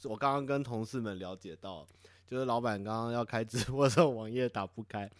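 A co-worker chiming in on a livestream from away from the mic, talking in a lively, teasing way. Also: mid-range voice, fairly quick, no room sound, studio quality. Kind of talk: casual aside on a livestream. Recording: off-mic, from across the room.

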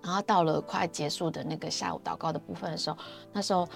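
A woman's voice: low-pitched, fairly even intonation, quick pace, gravelly, soft background music. A woman with a Taiwanese Mandarin accent sharing her personal faith testimony in a chatty, storytelling way, often trailing off with fillers.

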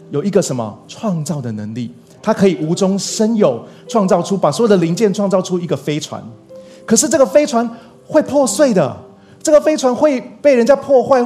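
A man with a high voice preaches a sermon as a pastor, earnest and deliberate, circling back to repeat his main points. Soft music plays faintly underneath him. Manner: earnest, repeats key phrases for emphasis.

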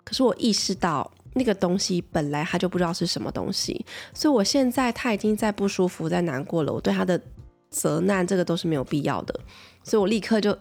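Woman in her thirties, Taiwanese Mandarin accent, low voice with a gravelly edge, chatty storyteller, faint music underneath. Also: quick pace. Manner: chatty, animated, asks listeners for agreement. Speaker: mother; pediatrician. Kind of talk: casual storytelling to viewers.

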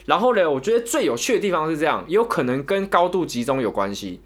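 A man's voice: on the high side, fast. A young man with a Taiwanese Mandarin accent, casually telling a long story on a podcast, rambling and repeating words as he goes. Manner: rambling, repeats words, animated when retelling. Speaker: podcast co-host.

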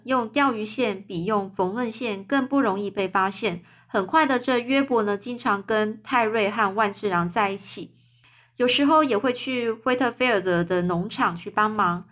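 A woman reading a children's novel aloud, stopping to explain words in simple terms. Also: a bit bright. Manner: voices the quoted characters with raised pitch.

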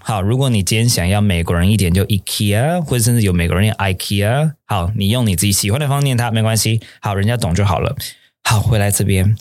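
Low-voiced guy teaching english vocab, chatty, jokes around, repeats stuff, dry close sound. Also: darkish tone, no room sound. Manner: chatty, joking, repeats key points. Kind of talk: online vocabulary lesson.

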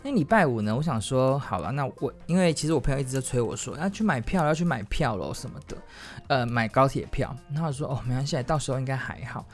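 一位台湾国语口音的男生，随性地讲自己的经历，边说边改口，激动时声音一下拔高。. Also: male voice, fast talker, faint music behind. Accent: Taiwanese Mandarin. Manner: rambling, frequent self-corrections and restarts; animated, jumps to high excited exclamations. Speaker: solo podcaster. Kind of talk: casual storytelling monologue.

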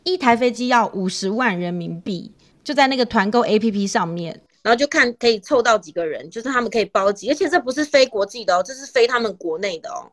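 A Taiwanese woman hosting a podcast, telling stories in an animated, casual way and acting out the people she quotes. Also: a little high, fast. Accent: Taiwanese Mandarin. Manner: animated storytelling, acts out quoted voices. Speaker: podcast host. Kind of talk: casual chat.

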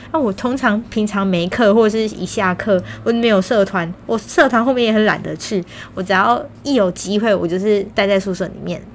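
A woman's voice: medium pitch, a little hiss or hum. A young woman with a Taiwanese Mandarin accent tells personal stories casually and chattily, with slightly slurred articulation from wearing braces. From Kaohsiung, Taiwan. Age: young adult. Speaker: vlogger.

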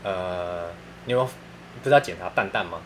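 A man's voice: low-pitched, a little fast, slight background noise. A man with a Taiwanese Mandarin accent telling funny stories in casual chat, laughing often and using crude slang.

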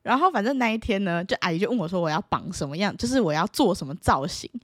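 A young woman tells a personal story to camera in a casual, playful way. Her pitch swings widely and often jumps into high excited bursts. The sound is close and dry, with no room echo. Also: quick pace. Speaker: vlogger.

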